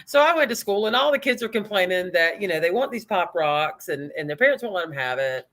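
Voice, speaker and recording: Chatty woman, lowish voice. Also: a little fast. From North Carolina, USA. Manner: chatty, animated storyteller. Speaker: sales coach. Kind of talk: guest storytelling in an interview.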